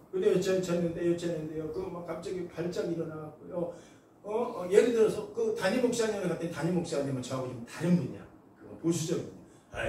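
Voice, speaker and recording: A male pastor delivers a sermon in a high, lively voice, telling stories animatedly and acting out the people in them. He is heard from a distance in an echoey church hall, with faint noise underneath. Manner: animated storytelling, acts out voices.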